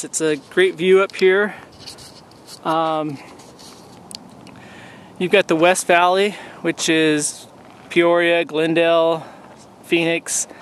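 A man in his forties talks to a camera held at arm's length from a desert mountaintop, his voice pitched a little high for a man. He rambles along in an easygoing way with frequent ums. Faint outdoor noise sits behind him. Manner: relaxed, rambling with many ums. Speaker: hiking vlogger. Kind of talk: casual outdoor vlog.

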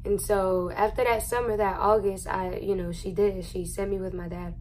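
A woman's voice: mid-range voice, fairly even intonation, moderate pace, darkish tone, slight background noise, low-quality recording. A young adult woman vlogger telling a personal story in a casual, rambling way, full of fillers and swearing, at home. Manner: candid, rambling, swears freely, many fillers. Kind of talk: casual storytime while eating.

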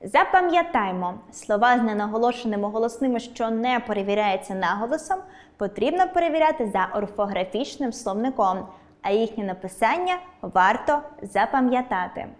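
Clear, measured woman teacher. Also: a little high. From Ukraine. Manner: clear, measured, stresses each example word. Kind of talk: scripted online lesson.

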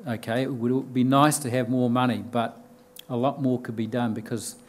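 Older kiwi guy at a podium mic, explaining stuff to a room, lots of ums and restarts, mid-pitched. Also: steady tone, normal speed. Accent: New Zealand. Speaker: conference speaker. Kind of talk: conference talk. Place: lecture room with bookshelves and audience.

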